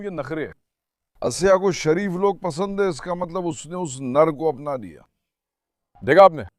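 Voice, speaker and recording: A man's voice: high voice, dry recording. Man who owns dogs, chatty to viewers, soothing to the animals, dry voice. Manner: talks to viewers and calms his dogs in turns. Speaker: dog owner filming his dogs. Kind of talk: casual commentary to viewers.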